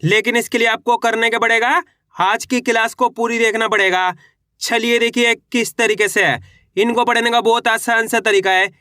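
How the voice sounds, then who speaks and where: A Hindi reading teacher with an extremely high, bright, and forceful voice gives an online lesson for beginners, sounding out each syllable and repeating words encouragingly while calling viewers friends. He keeps a steady tone and moderate pace, and the studio recording is clean with no echo.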